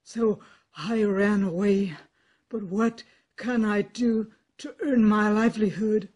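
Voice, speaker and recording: An older woman with a German accent voicing an old, weak male dog loudly lamenting his lot. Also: mid-range voice, fairly even intonation, takes it slowly, breathy edge. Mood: complaining. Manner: loud, complaining lament.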